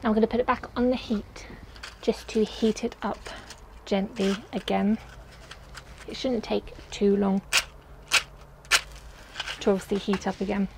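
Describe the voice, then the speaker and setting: A young cooking vlogger chats her way through a recipe while cooking in a small potting shed kitchen, explaining each step casually. A camera mic a short distance away catches her medium-pitched, darkish voice with vocal fry, level tone, measured pace and long pauses, in a low-quality recording with slight background noise.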